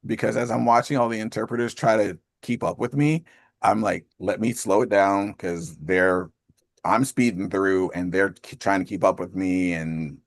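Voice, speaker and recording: Deep-voiced man hosting a group call. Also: fairly even intonation, vocal fry, dry recording, clean studio sound. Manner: talks fast, laughs often. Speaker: call host. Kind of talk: casual group call chat. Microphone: video call.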